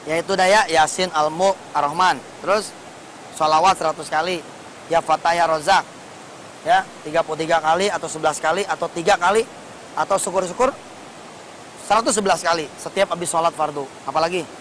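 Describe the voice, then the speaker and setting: A man preaching a sermon, telling stories in a lively, colloquial way and putting rhetorical questions to the congregation. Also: a little high, a little fast, a little hiss or hum, low-quality recording. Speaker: Islamic preacher.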